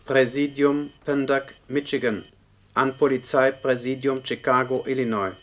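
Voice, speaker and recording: In a German radio play, an actor portrays a dry, formal official reading out police records in a monotone, spelling out the punctuation too. His natural male voice is medium-pitched at a moderate pace, and this older radio drama carries noticeable background noise.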